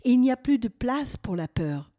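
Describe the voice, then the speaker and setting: A woman narrating a first-person guided meditative journey in a slow, hushed voice that sometimes drops to a whisper. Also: fairly high pitch, big pitch swings. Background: faint music.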